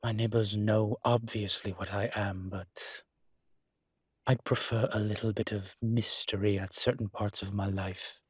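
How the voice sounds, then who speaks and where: A man voices a weary, guarded winged demon in an intimate roleplay audio drama. His voice sits on the low side, husky and breathy, with dry, halting phrasing and a flat delivery. There's no echo.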